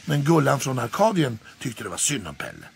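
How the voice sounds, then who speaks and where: A man narrating a children's story in a lively storytelling manner. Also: mid-range voice, gravelly, a little hiss or hum. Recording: faint background music.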